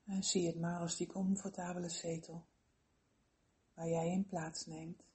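A woman leading a slow guided relaxation meditation in a soothing, gentle, unhurried manner with long pauses. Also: lowish voice, little pitch movement.

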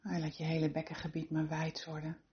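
A woman leading a guided relaxation meditation with soothing, unhurried instructions and gentle encouragement. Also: low voice, completely flat delivery, dull audio.

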